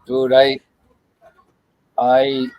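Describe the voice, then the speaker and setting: A man's voice: medium pitch, completely flat delivery, no room sound, muffled recording. American guy in his 50s hosting a stream, dry close sound, blunt, stumbles and repeats himself. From United States. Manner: blunt, halting, repeats words. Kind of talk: casual group chat.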